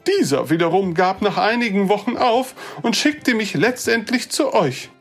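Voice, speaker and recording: A storyteller voicing an older human gentleman who speaks formally and a little hesitantly. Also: medium pitch, animated, normal speed, slightly rough, soft background music, pitched above the performer's own voice. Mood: earnest. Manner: formal, hesitant, old-fashioned.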